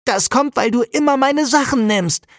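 A woman voicing an upset little boy who shouts and whines in a storybook reading. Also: moderate pace, no room sound, studio quality. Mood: angry, whiny. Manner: shrill shouting, whiny.

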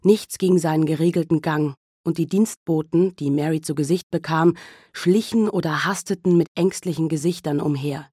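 A woman narrating a novel as an audiobook in a calm, measured storytelling manner. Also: low voice, breathy edge, no echo, studio quality. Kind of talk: scripted narration.

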